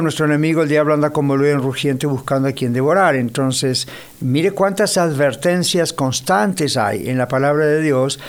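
A man, a pastor, gives a conversational radio sermon, speaking directly to the listener. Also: on the high side. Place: United States.

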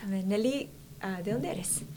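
Mujer presentadora, programa cristiano de testimonios, ruido de fondo leve. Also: female voice, medium pitch, a little slow, slight background noise. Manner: warm affirming interviewer, frequent "ujú". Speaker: host.

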